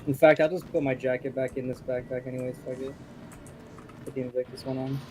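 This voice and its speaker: A man with an average-pitched voice chats loosely with teammates during an online game. He swears freely and throws around hyped slang. A faint hiss sits behind his mic. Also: flat delivery, a little fast, warm tone. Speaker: gamer in voice chat. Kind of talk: casual voice chat while gaming.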